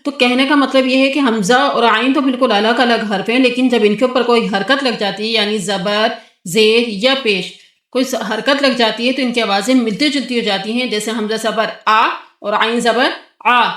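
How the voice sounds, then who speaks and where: Casting note: woman, fairly high voice, patient tajweed teacher, echoey room. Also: fairly even intonation, a bit bright. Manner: patient, drawn-out sung syllables for the child to repeat. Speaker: Quran recitation teacher. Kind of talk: tajweed lesson with a child.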